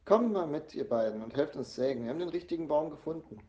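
A man reading a storybook aloud and voicing an impatient, brisk mother. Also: on the high side, lively intonation, mellow, highs cut off, natural voice. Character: impatient mother, cold and hurried.

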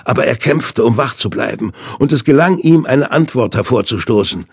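Husky male audiobook narrator. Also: mid-range voice, animated, moderate pace, no room sound, clean studio sound. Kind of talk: scripted narration of a thriller.

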